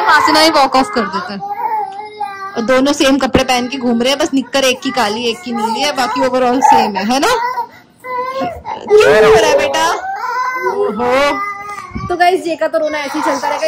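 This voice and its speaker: A woman's voice: high-pitched, heavy background noise. A woman vlogging casually at home, a mother fussing over and coaxing her crying toddler while she is unwell. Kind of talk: casual family vlog chat.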